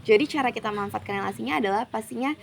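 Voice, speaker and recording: A woman's voice: on the high side, racing, creaky. A chatty young woman from Jakarta talks casually as an interview guest, slipping English phrases into her sentences. The recording carries a faint background hiss. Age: young adult. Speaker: university student guest.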